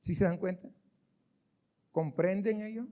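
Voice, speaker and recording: A pastor with an unusually high-pitched man's voice, delivering a sermon in church. He talks emphatically and keeps throwing questions at the congregation. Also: unhurried, mellow.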